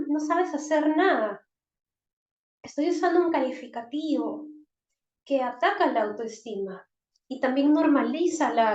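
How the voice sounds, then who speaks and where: A woman's voice: a little high, darkish tone. A woman psychologist, explaining things in an online talk for parents and often checking in with her listeners. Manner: explanatory, frequent checking tags. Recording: roomy, dull online-call audio.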